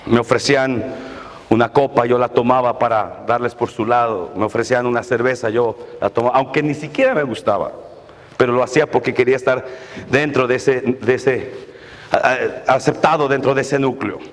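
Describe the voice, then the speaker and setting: A man in his forties, a pastor preaching a sermon with rising intensity and occasional shouts. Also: medium pitch, moderate pace. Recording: echoey hall, faint noise.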